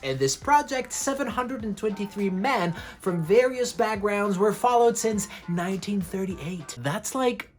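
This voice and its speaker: A woman hosting a comedic explainer video, delivering facts with jokey asides in a lower voice. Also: expressive, unhurried, hardly any pauses, a little mellow, soft background music. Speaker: host.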